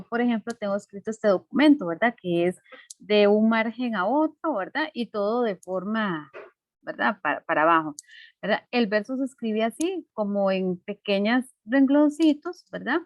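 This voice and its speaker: A woman's voice: fairly high pitch, expressive, no echo. Woman teacher dotting her talk with tag questions. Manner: explains slowly with many fillers and tag questions. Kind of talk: online class lecture.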